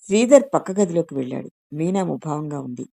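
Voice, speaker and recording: Low-voiced woman reading a story aloud. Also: lively intonation, a little fast, gravelly, warm tone, no room sound, clean studio sound. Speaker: story reader. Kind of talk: scripted audiobook narration.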